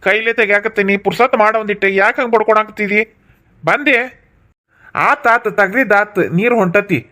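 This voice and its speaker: High-voiced man with North Karnataka accent. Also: brisk, sharp tone. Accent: North Karnataka Kannada. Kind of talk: cartoon voice acting, village comedy.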